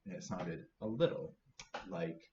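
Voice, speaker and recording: A man with a low-pitched voice and lively intonation tells a story to children at a measured pace, working as a library storyteller who uses playful repetition and emphasis. The recording sounds roomy and slightly dull, with faint noise.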